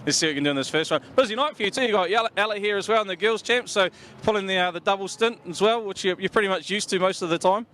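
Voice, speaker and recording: A man's voice: high-pitched, racing, a bit bright. Matey man with a broad Kiwi accent. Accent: New Zealand. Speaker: pit-lane interviewer. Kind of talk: casual interview chat. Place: outdoors in speedway pits. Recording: outdoor recording with faint vehicle noise.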